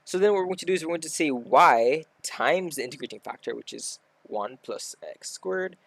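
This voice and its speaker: A man's voice: fairly high pitch, lively intonation, moderate pace, vocal fry, a bit bright, no room sound. A man tutoring maths, talking casually through a worked example step by step and correcting himself as he goes. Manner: talks through steps aloud, self-correcting. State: hiccuping.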